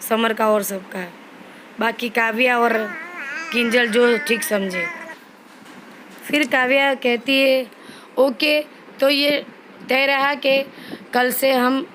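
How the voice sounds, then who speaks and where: A somewhat high-pitched woman casually recaps a TV serial episode. She reads each character's lines aloud without acting them out, in a flat, even voice, and often stumbles and restarts mid-sentence. A faint hiss sits under her voice. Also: poor audio. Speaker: channel host recapping a TV serial.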